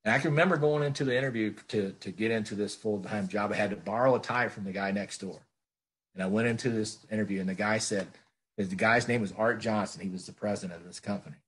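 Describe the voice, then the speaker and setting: Middle-aged man, recovery speaker; low, husky, earnest, plainspoken, repeats for emphasis. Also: quick pace. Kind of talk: speaker-meeting share.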